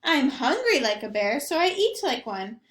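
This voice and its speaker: The speaker is a woman acting out a talkative, kindly grandmother with failing sight and hearing, fond and fussing. She pitches her voice high and sing-song, moves at a normal pace, and has a fairly bright tone with echo around it.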